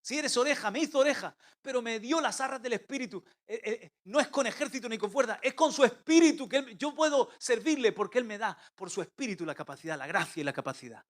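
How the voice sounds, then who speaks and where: A man preaching a sermon as pastor, swinging between loud emphatic calls and quiet intimate asides. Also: extremely high pitch, animated, fast talker, hardly any pauses. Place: church.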